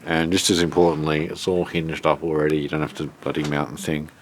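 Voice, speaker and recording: A man with an Australian accent speaks in a very low register, sounding bunged up in the nose. He talks casually and off the cuff, as if showing someone around. His delivery is laid-back, working things out aloud as he goes. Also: little pitch movement, fairly quick, slight background noise. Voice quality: stuffed-up, nasal from a blocked nose. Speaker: vlogger showing a self-built shed. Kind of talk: casual unscripted walk-through to camera.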